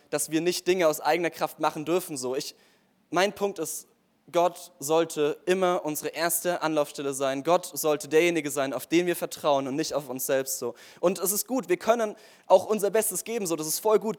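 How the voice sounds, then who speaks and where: Young man, slightly high voice, earnest casual testimony, filler-heavy, speaks straight to listeners. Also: normal speed.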